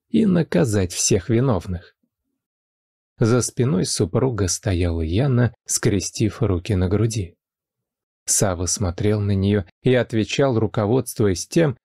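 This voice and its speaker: A man narrating a scripted life story in a calm, even way, with a mellow, dry voice. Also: lowish voice, vocal fry, dry recording.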